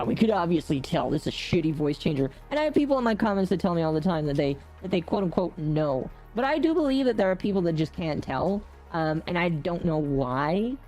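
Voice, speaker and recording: A soft-spoken man whose voice runs through a hardware voice changer that shifts it toward a woman's, chatting casually with a guest on his stream. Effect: hardware voice changer shifting his pitch toward a low female voice. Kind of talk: casual chat.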